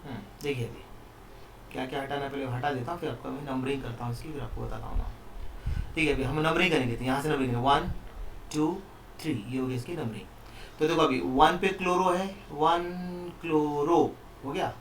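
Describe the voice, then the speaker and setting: A man's voice: medium pitch, fast talker, a bit bright, a little hiss or hum. A man teaching a chemistry lesson online, explaining step by step and often asking the students questions. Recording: echoey room, mic at a distance.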